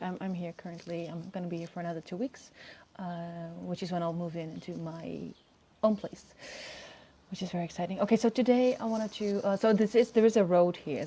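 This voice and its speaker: A woman in her early thirties speaks outdoors on an open-air balcony. Her voice sits a bit low, with a dark, relaxed, soft tone. She chats to camera informally, wandering and hesitating as she rephrases herself. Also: a little hiss or hum. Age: early 30s. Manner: hesitant, rambling delivery with self-corrections. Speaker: video host. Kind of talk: casual monologue to camera.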